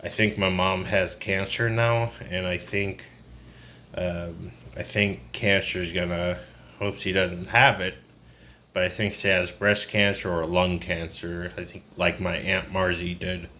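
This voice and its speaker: A man's voice: low-pitched, little pitch movement, unhurried, pushed and bright. A man in his twenties talking in a casual, rambling personal vlog, downcast, burned-out and confiding. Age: 20s. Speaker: vlogger. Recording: noisy ambient background.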